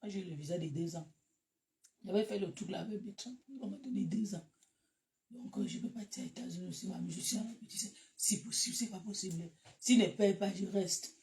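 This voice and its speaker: Woman, Cameroonian French accent, gravelly voice, casual chat to followers, loud animated bursts. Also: medium pitch, brisk. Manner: animated, laughs loudly, shifts to loud bursts. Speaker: social media live host.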